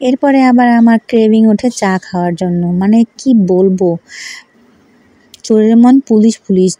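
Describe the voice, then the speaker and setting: A woman's voice: a little high, warm tone, no room sound. A woman vlogger from Rangpur, Bangladesh, chatting in a casual, rambling voice-over and often correcting herself.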